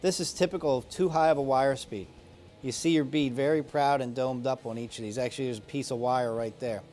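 In an instructional demonstration, a welding instructor in his forties explains welding plainly and practically, step by step, from an indoor workshop garage studio on a lapel mic. His ordinary mid-pitched voice is steady, brisk, and a little mellow. Faint music plays underneath.

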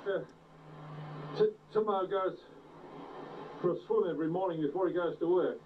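Male home-video narrator, tinny, hissy old VHS tape, a bit high and off-mic, tour-guide manner. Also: recorded from a distance. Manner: unhurried, pointing out sights like a tour guide. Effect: old VHS tape sound.

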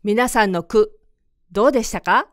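A woman teaching English pronunciation in a clear, careful, scripted way. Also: medium pitch, normal speed, no echo, studio quality. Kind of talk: scripted lesson narration.

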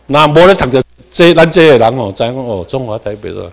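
Animated Taiwanese-accented man lecturing. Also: fast, creaky. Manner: animated, with sudden rises in pitch and volume for emphasis. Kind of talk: classroom lecture. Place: lecture room.

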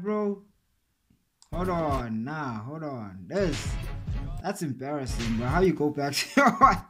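A young man reacts casually to a clip, excitable and full of slang. He talks slowly with a slightly high voice. Clear music from the clip plays under him. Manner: excitable, slangy, keeps saying "hey, bro". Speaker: reaction video host. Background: clear music from the clip being watched.

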